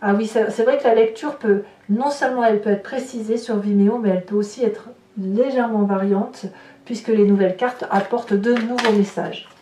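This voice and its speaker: A tarot reader who hosts a channel gives viewers an informal reading, chatting and thinking aloud while handling the cards. Her mid-range voice is warm, steady and fairly quick. The mic sounds distant and roomy, with light noise.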